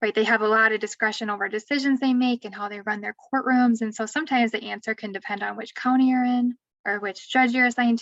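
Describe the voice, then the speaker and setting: A woman with a fairly high voice talks through family court steps in a relaxed, conversational way, thinking aloud as she goes. She sounds set back from a dull, lo-fi microphone. There is little room echo, as on a video call. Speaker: family law advocate. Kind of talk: webinar explanation. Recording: distant dull lo-fi mic, dry.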